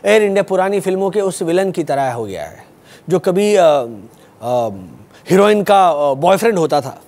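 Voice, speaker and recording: A man with a high-pitched, creaky, animated voice hosts a satirical news comedy show at normal speed, playfully mocking the news and chuckling at his own jokes. Audience laughter and music from the studio are loud in the background.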